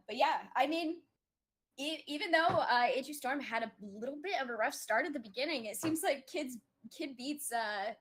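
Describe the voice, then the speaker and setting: A woman's voice: a little high, fairly bright tone. A woman giving color commentary on a live esports match over a headset, chatty and full of fillers. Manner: hesitant, many fillers, chatty. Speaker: esports co-caster.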